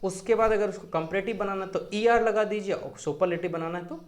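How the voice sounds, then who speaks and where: A man with a Hindi accent teaching an English grammar lesson, repeating example words slowly several times. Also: high-pitched. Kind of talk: classroom-style grammar lesson.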